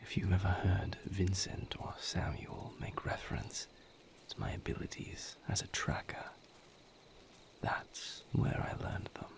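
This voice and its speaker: A man performs an intimate audio roleplay as a vampire lover, his low, gravelly voice held to a breathy near-whisper with little pitch movement. Brooding and somber, weary and regretful, he confides a grim past in a slow, halting murmur.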